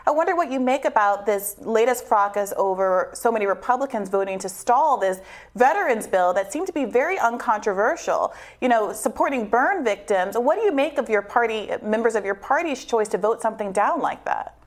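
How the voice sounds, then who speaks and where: A woman co-hosting a news program, putting questions to a guest. She draws out her wording slowly and stops to hedge before pressing her point. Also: on the high side, expressive. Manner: measured, hesitant, drawn-out questions. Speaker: news show co-host. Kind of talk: probing interview questions.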